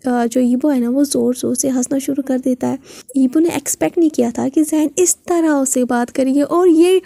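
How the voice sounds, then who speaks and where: A woman's voice: high-pitched, vocal fry, warm tone, no room sound. A woman telling a story in a chatty, casual narration full of fillers. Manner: chatty, with frequent fillers and restarts.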